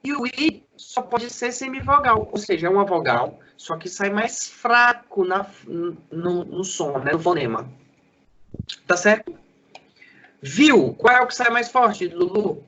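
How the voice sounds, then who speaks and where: A male school teacher giving a Portuguese lesson, sounding out syllables slowly and quizzing a student. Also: high voice, lively intonation, pushed and bright, muffled recording, a little hiss or hum. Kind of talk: lively classroom lesson for sixth graders.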